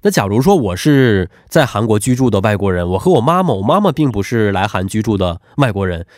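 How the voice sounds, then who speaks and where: A man's voice: on the low side, very animated, fairly quick, studio quality. A man with a congested, stuffy nose hosting a radio phone interview in a polite, attentive manner. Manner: polite, attentive, echoes answers back. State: allergic rhinitis. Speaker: radio host.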